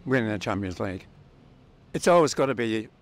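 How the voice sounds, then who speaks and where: A man's voice: on the low side, expressive, a little fast. A man in his sixties giving his opinion in an outdoor street interview. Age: 60s. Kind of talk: street vox pop interview. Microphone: handheld interviewer's microphone. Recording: faint outdoor street ambience.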